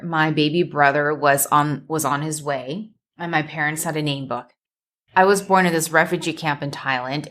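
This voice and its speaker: Low-voiced woman hosting a motivational podcast. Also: fairly bright tone. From United States. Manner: measured, builds points in emphatic lists. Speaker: podcast host and business coach. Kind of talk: solo motivational podcast talk.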